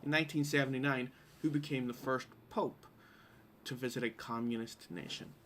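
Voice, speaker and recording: Reading out questions for a live-streamed quiz, this Derry man keeps things informal and drops in wry asides. His Northern Irish accent comes through a mid-range, fairly bright voice with a steady tone at normal speed, and there is slight background noise.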